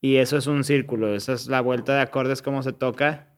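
A man's voice: mid-range voice, fairly even intonation, a little fast, smooth. A man, casually explaining music theory step by step on a podcast, slangy and full of restarts.

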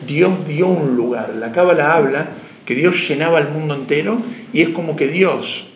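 A man giving a spiritual lecture to a class, asking questions of his listeners and moving between emphatic and hushed speech. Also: fairly high pitch, normal speed, a little hiss or hum. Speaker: teacher. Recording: dull, roomy lo-fi room sound.

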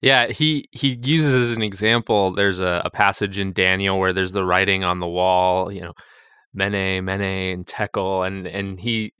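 A man co-hosting a casual Bible study podcast as a vicar, thinking aloud with frequent restarts and asides. His voice is lowish but bright and crisp, with a smooth, clear tone. The sound is close and dry, with no room echo. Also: steady tone, unhurried.

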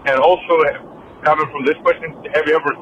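A man from Ukraine records a voicemail question for a podcast, earnest and hesitant. His voice sits somewhat high for a man. The recording sounds dull and lo-fi, with faint noise underneath. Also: steady tone, fast. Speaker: caller. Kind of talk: recorded voice message.

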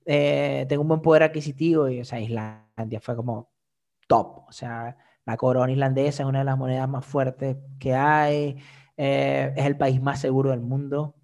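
A young man, a guest telling his story in a casual, slangy and animated way. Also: mid-range voice, moderate pace, gravelly. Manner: animated, slangy, frequent filler "o sea". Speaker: interview guest, migrant living abroad.

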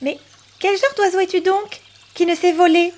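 A woman's voice: extremely high pitch, steady tone, normal speed, voice pushed up. A woman voicing a cheerful little bird in a storybook reading. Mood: chirpy.

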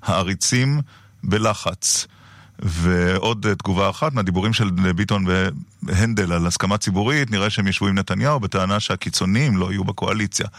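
A man's voice: sits low, fairly bright tone, dry recording, clean studio sound. A man with an Israeli accent chatting casually as co-host of a radio programme. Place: radio studio.

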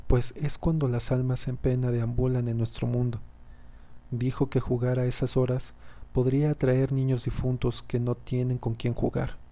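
A man's voice: mid-range voice, warm tone. A man narrating a horror story, often stumbling and restarting whole sentences. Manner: reads haltingly, often restarting and repeating sentences.

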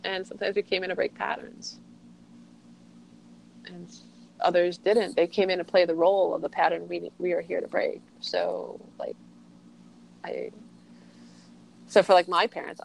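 Middle-aged woman with a heavy vocal fry, rambling chat, lots of likes, kinda dreamy and reflective. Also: on the low side, a little hiss or hum, poor audio. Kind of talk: reflective casual conversation.

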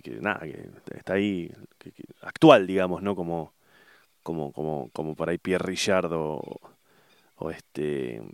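A man's voice: deep voice, no echo, studio quality. A middle-aged man with an Argentine Spanish accent, talking in a casual rambling monologue, often hesitating and searching for words. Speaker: vlogger.

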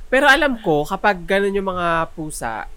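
Teasing young man, lively low voice. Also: clear, resonant tone, dry recording. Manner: teasing, quick quips. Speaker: podcast co-host. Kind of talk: casual chat.

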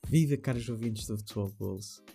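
A man giving a conversational football podcast monologue, halting and repeating phrases at times. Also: lowish voice, vocal fry, mellow, soft background music.

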